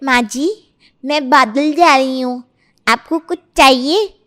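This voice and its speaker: A sweet young bride with a thick childlike lisp, as a woman puts her on in a cartoon story. The voice is pitched well up and bright, a little set back from the mic, and she talks slowly and guilelessly. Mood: innocent. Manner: childlike lisp, swaps sounds.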